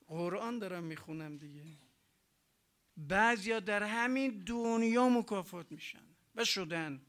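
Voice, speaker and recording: A man's voice: high-pitched, fairly bright tone. A man preaching a sermon, with emphatic repetition and rhetorical questions.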